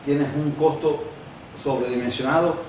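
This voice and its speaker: A man's voice: on the high side, steady tone, moderate pace, darkish tone. Older man lecturing in an echoey room. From Cuba. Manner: conversational, explains with examples and asides. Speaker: guest lecturer. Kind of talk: university lecture. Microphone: no microphone, distant recording. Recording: very echoey room, distant mic, faint noise.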